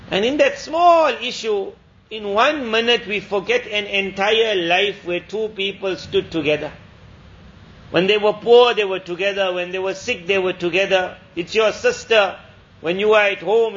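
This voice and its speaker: High-voiced male preacher telling a parable. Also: fairly bright tone. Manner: repetitive, emphatic moral lessons. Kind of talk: sermon storytelling. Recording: slightly muffled recording.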